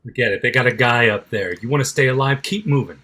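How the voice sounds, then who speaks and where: A woman voicing a wisecracking macho male New York cop in a low, husky put-on voice. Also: quick pace, a bit bright. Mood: urgent tough.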